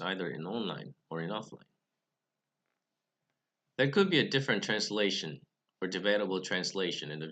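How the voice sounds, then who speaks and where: In a scripted explanatory talk to camera, a young Bible study channel host explains how to read Greek scripture. He speaks English as a second language in a low, bright, forceful voice, delivering carefully and measuredly and occasionally restarting.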